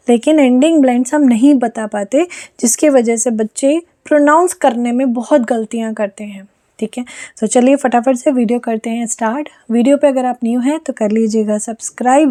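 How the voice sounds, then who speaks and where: A woman teaching an online phonics lesson, slowly sounding out letters and blends. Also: a little high, mellow. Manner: slow, deliberate sounding out of letters.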